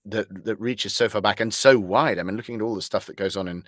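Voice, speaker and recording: This guest is a voice actor being interviewed conversationally, a man who talks in an articulate, wordy way full of whimsical phrasing. He speaks fast in a fairly low, fairly bright voice, captured dry with clean studio quality.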